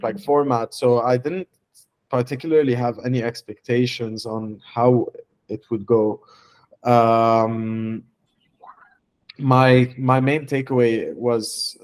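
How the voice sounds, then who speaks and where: This young Lebanese man is a startup founder giving a testimonial interview. He speaks haltingly, with lots of fillers and restarts, in a medium-pitched voice with a darkish tone.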